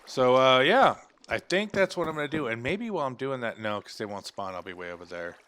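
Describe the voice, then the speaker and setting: A man's voice: mid-range voice, sing-song, a little fast, fairly bright tone. A man hosting a gaming channel, chatting casually as he builds and thinks aloud, trailing off and humming to himself. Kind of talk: casual gameplay commentary.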